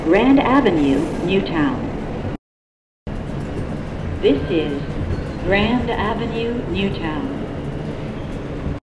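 A woman's recorded announcement calling out stations over a train loudspeaker, measured and evenly paced. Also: on the low side, expressive. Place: inside a moving subway train. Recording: muffled, loud train noise behind.

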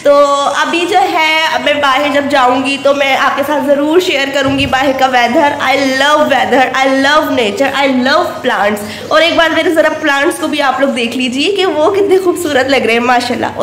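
A woman's voice: high voice, moderate pace, hardly any pauses, fairly bright tone. A woman in her thirties chatting to her phone camera at home, casual and talkative, mixing in English phrases and addressing viewers as guys. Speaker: vlogger. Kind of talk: casual vlog chat to camera. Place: home veranda with plants, indoors and out. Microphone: phone camera at arm's length. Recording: echoey room with background noise.

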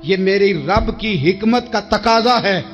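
A male preacher acting out a defiant, newly blinded devout slave woman who speaks firmly and forcefully. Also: high voice, close to an everyday voice. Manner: firm, forceful. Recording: dull recording with faint music.

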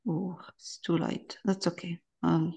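Low gravelly-voiced woman teaching painting. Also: little pitch movement. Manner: soft-spoken, halting, talks to herself while painting. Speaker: painting instructor. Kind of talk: casual painting demonstration.

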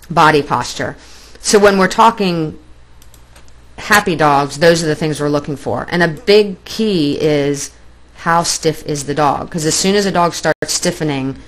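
Woman with a low voice giving an online dog behavior lecture, plain and explanatory. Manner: explanatory, plainspoken, pointing at pictures.

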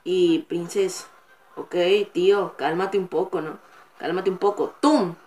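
A woman hosting a gaming channel, giving live gameplay commentary with excitable, frustrated outbursts and cursing at the game. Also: fairly low pitch, measured pace.

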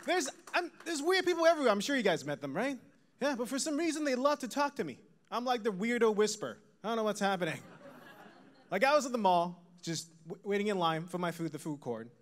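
A man from Taiwan doing a stand-up set, telling stories in a deadpan way with bursts of laughter. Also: high-pitched, a little fast. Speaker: stand-up comedian.

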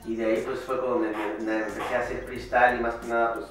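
Talking fast in a mid-range voice, the guest rapper, Chicago-born and raised in Mexico City, keeps the interview chat loose, full of slang, fillers and restarts. A far camera mic picks him up from a distance in an echoey small home recording studio.

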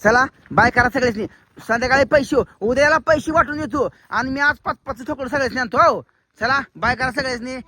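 A man's voice: extremely high pitch, a little fast, sharp tone, a little hiss or hum. A man, vlogging a children's contest and repeating instructions to them in a coaxing way. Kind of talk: casual outdoor vlog commentary.

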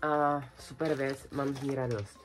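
Low-voiced young woman chatting casually. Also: steady tone, soft background music. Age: young adult. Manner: chatty, colloquial, shows items one by one. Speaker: vlogger. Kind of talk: casual haul video chat. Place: small decorated bedroom indoors.

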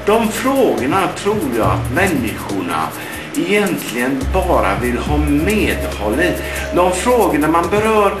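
A middle-aged man speaks earnestly into a close webcam, his voice sitting a little high for a man. His delivery is deliberate and indignant. The room sounds echoey, with music playing clearly behind him. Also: sing-song. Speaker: blogger. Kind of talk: opinion monologue to camera. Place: small indoor room. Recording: roomy echo with background music. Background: background music.

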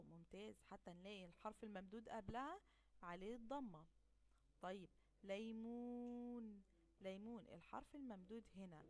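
A woman with an Egyptian Arabic accent, teaching a recorded lesson to young children. She draws out the example words slowly and clearly, and asks questions that she answers herself. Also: medium pitch. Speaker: primary school teacher.

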